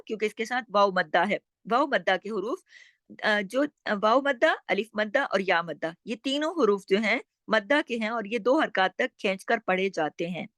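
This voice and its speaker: A woman's voice: medium pitch, a bit bright, no room sound. Woman teaching recitation, dry close voice. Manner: explains slowly, then chants words drawn out. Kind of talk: step-by-step recitation lesson.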